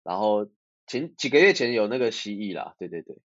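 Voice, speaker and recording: Man, Taiwanese accent, low pitch, casual podcast chat, dry slightly muffled recording. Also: very animated, a little fast, no echo. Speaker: podcast co-host.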